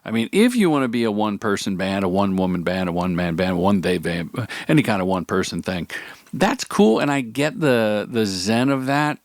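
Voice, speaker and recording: A man's voice: on the low side, animated, fairly quick, no room sound, clean studio sound. A man hosting a podcast interview in casual chat, rambling and talking a mile a minute. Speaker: podcast host.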